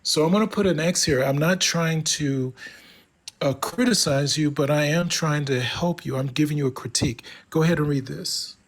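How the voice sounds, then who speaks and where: A man tutoring English one-on-one, patient and encouraging, pausing to type as he explains. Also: a little high. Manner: patient, encouraging, talks while typing. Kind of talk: one-on-one online English lesson.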